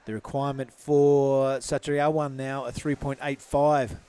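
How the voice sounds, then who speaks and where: A man's voice: mid-range voice, flat delivery, a little slow, dark tone, clear, resonant tone. A man giving live surf contest commentary in a laid-back, casual surfer announcer manner.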